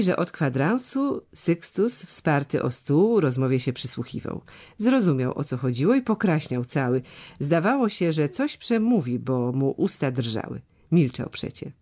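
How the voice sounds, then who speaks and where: A narrator reading a classic novel aloud with expressive delivery. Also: mid-range voice, moderate pace. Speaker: audiobook narrator.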